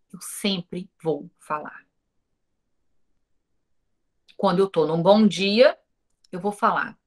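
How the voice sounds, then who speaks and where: A Brazilian woman teaching an online course. She talks straight to her viewers, with rhetorical questions and quoted dialogue from her own stories. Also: mid-range voice. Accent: Brazilian Portuguese. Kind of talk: informal recorded lesson.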